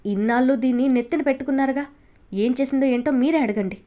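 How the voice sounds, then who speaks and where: A woman reads a cruel middle-aged aunt who sneers and scolds with contempt. The voice is high and cutting. Told like a storybook. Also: fast, dark tone, close to an everyday voice. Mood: contemptuous rage. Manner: sarcastic, harsh.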